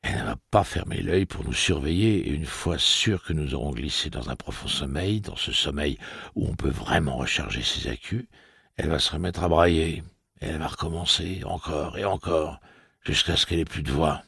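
A man voicing an exhausted, exasperated young man thinking aloud in an audiobook, quick and weary. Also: rumbling low, gravelly, a bit bright, breathy edge, no echo, clean studio sound, pitched above the performer's own voice, full character voice. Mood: weary exasperation. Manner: weary, quick inner monologue.

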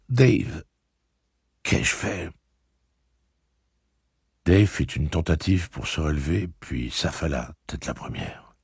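Husky male audiobook narrator with a steady, measured storytelling manner and a very deep, dry voice. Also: no room sound.

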